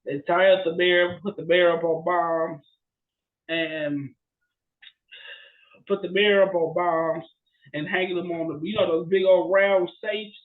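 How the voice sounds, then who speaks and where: Co-hosting a podcast, a man with a high voice retells movie scenes casually and animatedly at a measured pace, pausing often and checking in with his listener through frequent "right?" asides. The audio is narrow and tinny, with an echoey room.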